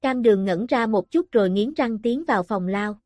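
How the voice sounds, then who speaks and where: A woman narrating a martial arts story in a measured, dramatic reading. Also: on the high side, lively intonation, a little mellow, no echo. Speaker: audiobook narrator. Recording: dry close recording with faint music.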